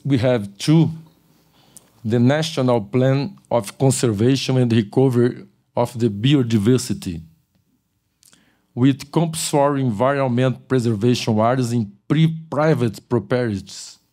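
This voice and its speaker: An older man's warm, mid-range voice carries through a large auditorium as he delivers a conference keynote from the podium microphone. He speaks haltingly, often restarting and self-correcting.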